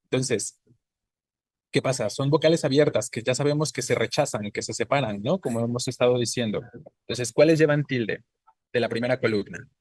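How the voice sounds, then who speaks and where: A man's voice: medium pitch, fairly quick, darkish tone, no room sound. A man teaching a grammar class, explaining patiently and often checking in with his students with short tag questions. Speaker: Spanish teacher. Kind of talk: online class lecture.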